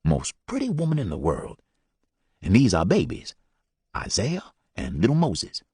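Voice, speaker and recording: A man voicing a frightened runaway father who speaks in broken grammar, halting and hushed. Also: medium pitch, wildly swooping pitch, husky, dry recording, clean studio sound, heavily acted. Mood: tender.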